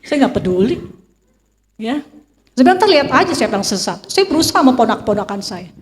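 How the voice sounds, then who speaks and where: A middle-aged woman giving an emotional church testimony, telling her story with lively acted quotes. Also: on the high side, a little fast. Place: church hall. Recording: long reverb of a church hall.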